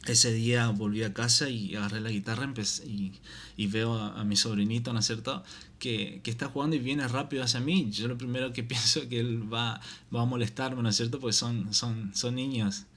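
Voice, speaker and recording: A man gives his personal faith testimony, halting and restarting often and tagging his sentences with a repeated question. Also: mid-range voice, fairly even intonation, a bit bright.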